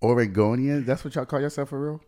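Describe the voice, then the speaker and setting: A man's voice: medium pitch, fast talker, mellow. A young man hosting a casual podcast chat, laid-back and chatty, laughing often as he tells stories. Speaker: podcast host.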